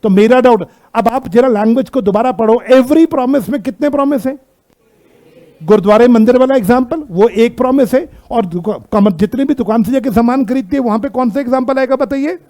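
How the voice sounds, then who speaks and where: A man with an Indian accent teaching a classroom law lecture, constantly quizzing students with rhetorical questions and reading out English text slowly. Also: very high-pitched, mellow.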